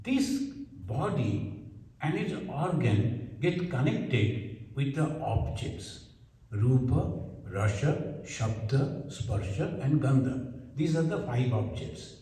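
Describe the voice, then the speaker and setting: Bengali guy explaining scripture real slow, says things twice, sounds far off in a big echoey hall. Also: medium pitch, sing-song, mellow. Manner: slow, explaining, repeats phrases. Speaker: spiritual teacher. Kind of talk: scripture lecture.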